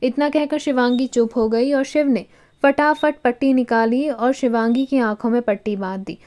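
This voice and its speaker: A woman's voice: fairly high pitch, a little mellow. Woman narrating a romantic storybook.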